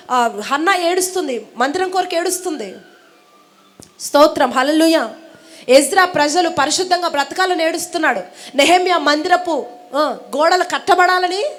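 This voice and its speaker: Woman pastor delivering a church sermon with a high voice, asking the congregation questions and repeating lines for emphasis. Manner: rhetorical questions, call-and-response preaching. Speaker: preacher. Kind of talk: Telugu sermon.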